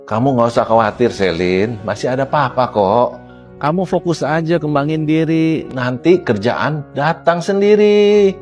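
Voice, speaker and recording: A man's voice: mid-range voice, animated, measured pace, darkish tone, lo-fi sound, faint music behind, natural voice. A man playing a protective dad. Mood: reassuring. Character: protective middle-aged father. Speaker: father.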